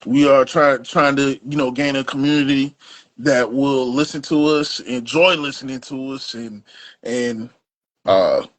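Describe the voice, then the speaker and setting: A man's voice: medium pitch, a little slow. A man co-hosting a casual sports podcast, talking loosely and rambling through his points. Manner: loose, rambling, restarts and trails off. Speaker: podcast co-host. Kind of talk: casual sports barbershop chat.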